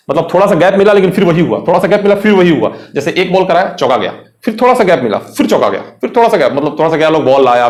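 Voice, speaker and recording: Man, Indian accent, English teacher, chatty, questions to students, higher voice, roomy echo. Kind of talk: exam lesson explaining vocabulary.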